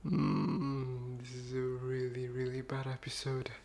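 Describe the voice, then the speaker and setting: Slow, gravelly whispered boyfriend role-play, Indonesian accent. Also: male voice, mid-range voice, monotone, a little mellow, a little hiss or hum. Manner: teasing, swearing, laughing between lines. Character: playful boyfriend bothering his partner. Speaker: ASMR roleplay creator.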